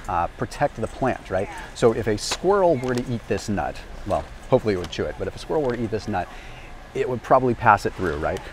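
A lowish male voice comes through a small lapel mic with slight background noise. The speaker, a health and nutrition vlogger in his thirties, energetically explains nutrition to camera while walking an aisle of a large indoor warehouse store as an educational grocery walk-through.

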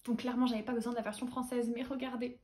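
Fast chatty young french woman, excited fangirl book vlog, bit high-pitched. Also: background noise. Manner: bubbly, gushing fan enthusiasm. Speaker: booktuber host. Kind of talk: casual chat to camera.

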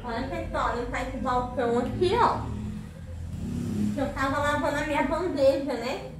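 Cleaning her kitchen at home, a tired but chatty woman in her thirties keeps addressing her viewers in a Brazilian Portuguese accent. The vlogger's voice is high and her pace moderate. The camera sits across the room, giving an echoey sound with background noise.

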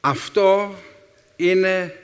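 A man in his fifties, a teacher, telling wry personal stories with thoughtful pauses to a young audience. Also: high-pitched. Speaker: secondary school philology teacher and speaker. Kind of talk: storytelling talk to a young audience. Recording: reverberant hall.

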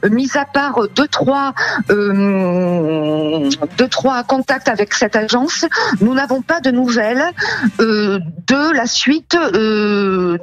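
A woman's voice: on the high side, animated, takes it slowly. A woman calling in to a live show, hesitant and distressed, over a muffled line. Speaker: caller.

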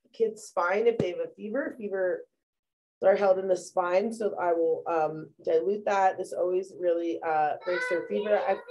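A chatty mother presenting essential oils from her home bathroom, young adult or middle-aged, uses lots of fillers and addresses viewers as "you guys." Her medium-pitched voice is a little mellow. There's slight background noise and the audio is poor.

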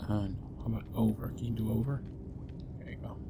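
A young adult man commentating a horror game, dropping to whispers and breaking into loud panicked yelps. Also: fairly low pitch, steady tone, fairly quick, noisy background. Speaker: gamer. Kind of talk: let's play commentary.

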